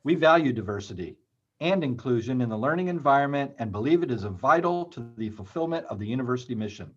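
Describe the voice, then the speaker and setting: A man reads a prepared conference presentation at a steady, measured pace. His voice is mid-pitched. The recording sounds a little dull and muffled. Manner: measured, read-aloud delivery. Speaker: university library dean, presenter.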